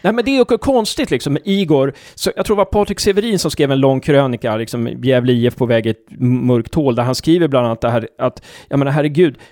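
A man's voice: mid-range voice, hardly any pauses, darkish tone, no room sound, studio quality. A man, co-hosting a casual football podcast, chatty and repeating words as he searches. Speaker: podcast co-host.

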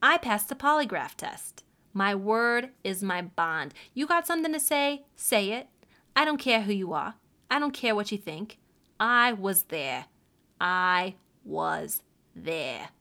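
A woman's voice: mid-range voice, sing-song, slow pace, sharp tone, heavily acted. A woman putting on the voice of a defiant man with a New York accent, speaking in a tough, confrontational way.

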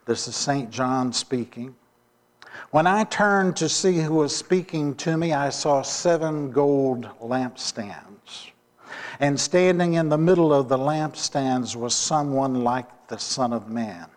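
Guy preaching slow in a big echoey church, asks the crowd questions. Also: fairly high pitch. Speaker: pastor. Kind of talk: sermon. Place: church sanctuary. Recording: long reverb of a church hall.

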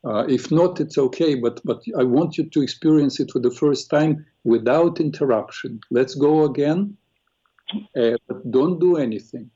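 A man's voice: fairly high pitch, normal speed, warm tone, slightly rough. A man hosting a live call-in, instructively guiding a visualization exercise and often repeating his phrases. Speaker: host guiding a caller through an imagery exercise. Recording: dull lo-fi call audio.

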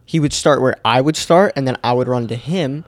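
A man's voice: mid-range voice, fairly quick, no room sound, clean studio sound. A man in a casual podcast chat, skeptical and pushing back on the others.

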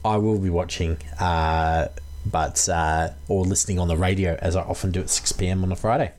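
A man's voice: sits low, steady tone, normal speed, darkish tone, a little hiss or hum. A man co-hosting a casual fantasy sports podcast, giving his analysis in a conversational, tentative way. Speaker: podcast co-host.

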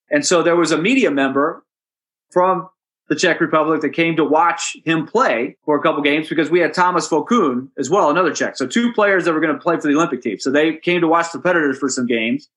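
A man's voice: on the high side, fairly quick. A man, a hockey radio broadcaster, telling a story as a guest on a casual podcast. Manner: chatty, animated storyteller.

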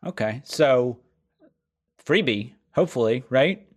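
A man in his thirties hosts a podcast interview, chatty and teasing, tossing in quick joking asides between questions. His voice sits at an everyday middle pitch. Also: expressive. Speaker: podcast host.

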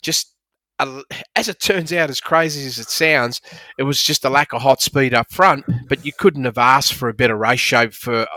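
Bright-voiced Australian male racing analyst. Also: medium pitch, moderate pace, no room sound. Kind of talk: conversational sports analysis.

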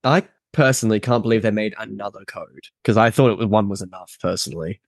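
A man's voice: fairly low pitch, quick pace, dry recording, studio quality. A man hosting a podcast in casual, joking banter with a wry, playful manner. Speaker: podcast host.

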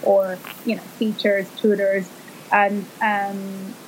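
A Salvadoran woman in her thirties, a fashion designer appearing as a guest, talks casually in an interview, thoughtful and hesitant with many fillers. Her mid-range voice is level and slow. The recording is rough, with slight background noise.

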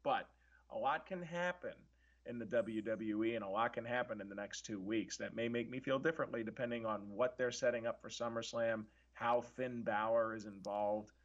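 A man's voice: medium pitch, normal speed. Man thinking aloud on a dull-sounding mic. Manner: thinks aloud with many restarts, earnest and analytical. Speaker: podcast co-host. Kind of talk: casual wrestling review chat.

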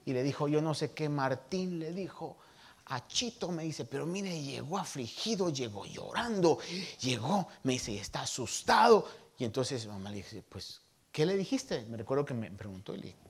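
A man in his thirties, a pastor, preaching a sermon and telling stories from his childhood with lively voices for the people he quotes. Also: mid-range voice, slightly rough. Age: 30s.

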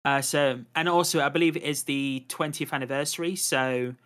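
A man's voice: fairly high pitch, fairly even intonation, moderate pace, a bit bright, clean tone. A man hosting a casual podcast chat, rambling with lots of fillers and a habit of saying "to be honest". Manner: chatty, many fillers, "to be honest". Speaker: podcast host.

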